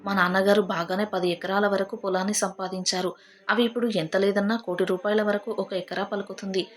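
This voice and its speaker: A woman's voice: mid-range voice, little pitch movement, fairly quick, soft background music, close to an everyday voice. A woman doing a selfish, offhand grown son. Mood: scheming. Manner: offhand, self-excusing.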